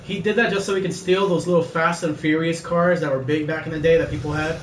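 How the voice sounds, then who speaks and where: A man's voice: fairly high pitch, fairly even intonation, quick pace. A young man telling a rambling story while gaming, laughing often and acting out what his friends said. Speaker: gamer telling stories. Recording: roomy, distant, faint ambient noise.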